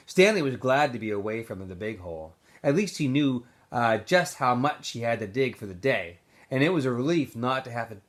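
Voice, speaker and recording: A man with a medium-pitched voice reads a children's novel aloud the way a teacher might, keeping it informal with small stumbles and self-corrections.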